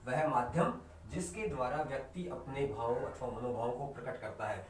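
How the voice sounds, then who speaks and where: An Indian man with a mid-range, expressive voice teaches an online Hindi class, posing questions to his students, answering them himself and repeating key terms. He slows right down to stress definitions. The recording has slight background noise and sounds echoey and distant.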